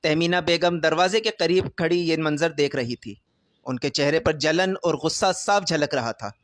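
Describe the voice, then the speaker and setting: A man narrating a scripted romance story in a steady, even reading style. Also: a little high, no room sound, studio quality.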